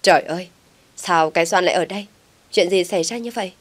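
A woman's voice: lowish voice, fast, natural voice. Woman voicing a shocked older woman, exclaiming, storybook reading.

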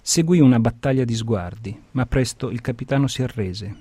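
A man reads literary passages aloud with a measured storytelling delivery, his voice dark and mellow. The sound is dry and close with no room around it. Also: medium pitch, breathy edge, no room sound. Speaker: reader of literary excerpts. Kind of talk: scripted literary reading.

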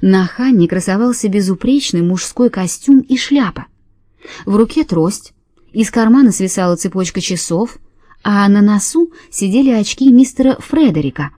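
A woman reads a first-person story in an even, measured way. Her voice is mellow and warm. The recording is dry and close to the mic. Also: mid-range voice, no echo. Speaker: audiobook narrator. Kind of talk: scripted first-person narration.

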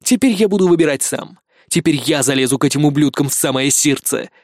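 A man voicing a defiant, foul-mouthed young man in an audiobook, snarling and sarcastic. The voice runs a little high for a man and sits dry and close. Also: fast, a little mellow, no echo, lightly acted.

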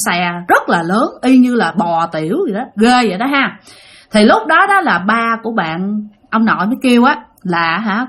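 A woman with a Southern Vietnamese accent telling a ghost story to her listeners in a chatty, animated way. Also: medium pitch, slightly rough. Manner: animated, conversational, many fillers.

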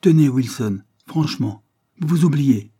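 A woman's voice: lowish voice, monotone, brisk, warm tone, pitched above the performer's own voice, close to an everyday voice. A man reading aloud, voicing a firm, frank female household servant who speaks with resolve. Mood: stern.

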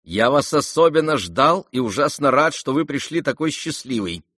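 A man's voice: very animated, moderate pace, fairly bright tone, no echo, clean studio sound. A male reader voicing a feverish, eager young invalid in an audiobook. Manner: eager, emphatic, raised pitch. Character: feverish, ailing young man, eager and intense. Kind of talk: audiobook character reading.

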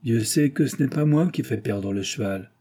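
Man reading as a soothing male lieutenant, evasive, slightly uneasy, dark husky voice. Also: mid-range voice, moderate pace, lightly acted. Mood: placating. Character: smooth-talking male lieutenant, placating, slightly afraid.

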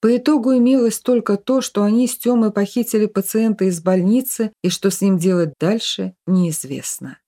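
Mellow-voiced woman narrator. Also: medium pitch, normal speed, few pauses. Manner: even storytelling. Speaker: audiobook narrator. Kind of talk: scripted narration.

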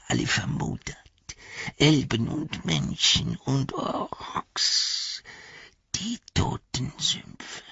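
Creeping sly creature, raspy whispering, repetitive, audiobook, dull recording. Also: male voice, medium pitch, fairly bright tone, no echo, voice pushed up, heavily acted. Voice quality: hissing whisper, breathy and strained. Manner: repeats himself, speaks of himself in third person. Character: wretched creeping male creature, furtive and sly. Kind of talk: audiobook character voice.

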